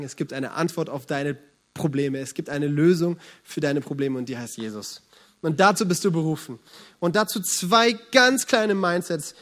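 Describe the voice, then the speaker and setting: A young man preaching a sermon at a church service, animated and encouraging, with rhetorical questions to the congregation. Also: a little high. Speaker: pastor.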